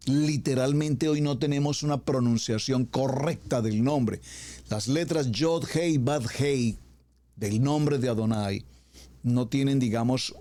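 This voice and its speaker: A male pastor preaching a sermon, reading scripture slowly and with emphasis, often repeating pleading phrases to the congregation. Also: medium pitch, warm tone, dry recording.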